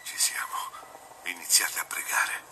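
An actor playing a grave, commanding exorcist priest in a horror film, speaking in a solemn liturgical manner. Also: male voice, measured pace, whispered, close to an everyday voice. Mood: hushed, grave. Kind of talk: dubbed horror film acting. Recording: noisy film soundtrack.

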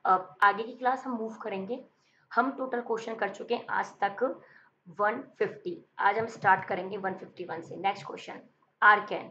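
A woman with an Indian accent teaching English vocabulary for competitive exams, reading English definitions slowly and explaining memory tricks in brisk Hindi. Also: mid-range voice, fairly even intonation, sharp tone, dull audio, slight background noise. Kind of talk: exam-prep vocabulary lesson with memory tricks.

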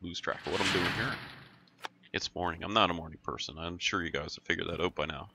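With a low voice and vocal fry, a Canadian gaming-channel host talks quickly through his gameplay in casual let's-play style. He's stuffed up and growly, thinking aloud and correcting himself as he goes. The recording is very noisy.

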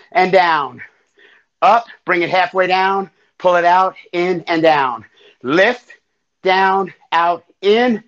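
A high-sitting male voice comes through a muffled recording. He's a fitness instructor guiding a live home workout, breathing hard while he counts down reps, calls moves and cheers people on in an energetic way.

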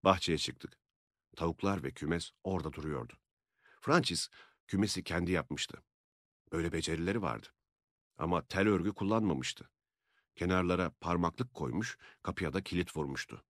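A man with a very low, deep voice reads an audiobook in steady, matter-of-fact narration. The recording is dry and close, with no room sound. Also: moderate pace, no echo. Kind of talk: scripted narration.

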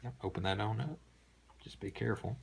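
A man hosting a casual unboxing, talking in a relaxed, rambling way with many fillers, recorded indoors on a camera mic. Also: on the low side, a little fast, vocal fry, breathy edge. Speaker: host. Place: indoor room.

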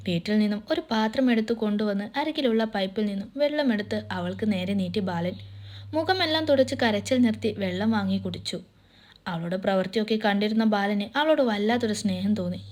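A woman narrates a romance story as a steady, scripted reading. Her voice sits a little high, and she keeps the characters' lines in the same even narrating tone. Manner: reads all characters in one even narrating voice.

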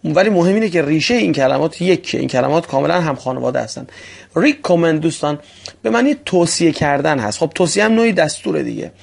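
A man teaching English vocabulary for an exam, often calling listeners friends and slowly repeating example phrases. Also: fairly high pitch, lively intonation, creaky. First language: Persian. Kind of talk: vocabulary lesson for exam prep.

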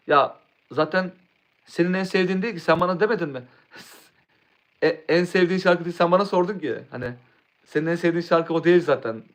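Young man, a bit high-pitched, casually chatting to his live-stream viewers and often restarting his words. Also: a bit bright. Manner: rambling, restarts words, answers chat.

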